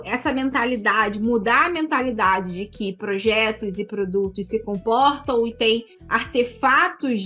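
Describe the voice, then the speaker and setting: A woman's voice: medium pitch, a bit bright. A woman with a Brazilian Portuguese accent, a podcast guest making her points emphatically. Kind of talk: podcast discussion.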